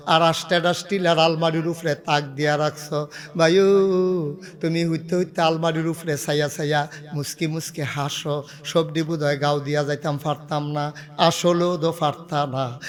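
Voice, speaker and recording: A middle-aged man with a Bangladeshi regional Bengali accent, preaching a waz sermon as a pir with impassioned delivery that swells to loud cries. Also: on the high side.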